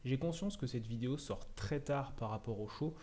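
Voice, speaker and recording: Sardonic male video host, mellow dark tone, scripted opinion monologue. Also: mid-range voice, moderate pace.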